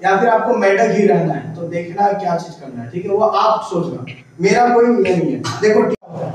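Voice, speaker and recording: A man's voice: high-pitched, expressive, moderate pace, slight background noise. A man telling a motivational story in a loose, chatty way, often quizzing his listeners. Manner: chatty, keeps asking the listener questions. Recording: very echoey room, far from mic.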